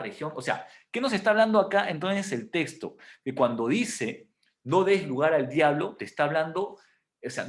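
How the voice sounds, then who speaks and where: Guy teaching bible class, animated pitch, explains slowly and keeps checking students follow. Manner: explanatory, frequent "o sea" and "¿ok?" check-ins; answers students' questions.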